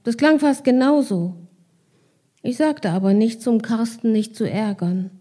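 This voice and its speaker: Author reading aloud, slow, mellow and calm; higher woman's voice. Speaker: author reading her novel. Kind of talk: literary reading with casual asides.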